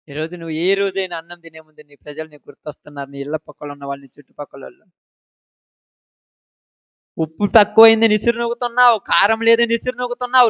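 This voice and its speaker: A male pastor preaching a sermon. He fires rhetorical questions at his listeners and swings from loud declarations to low asides. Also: clean tone, no echo. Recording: dull, dry lo-fi recording.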